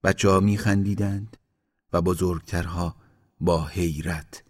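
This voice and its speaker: Deep-voiced guy reading a story, slow and measured. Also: steady tone, slight background noise. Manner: slow, measured literary narration, drops quiet in grim passages. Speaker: narrator.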